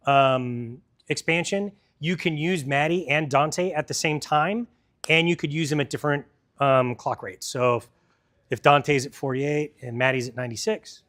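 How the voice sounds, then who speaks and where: A man's voice: a little high, a bit bright. A man presenting a product in a store demo, talking casually and explaining technical details to a crowd.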